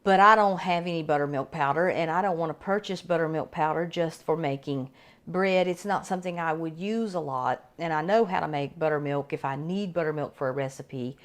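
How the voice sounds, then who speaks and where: A woman's voice: low-pitched, a little fast. A middle-aged woman casually demonstrating a bread machine recipe at home, chatty and rambling with frequent restarts.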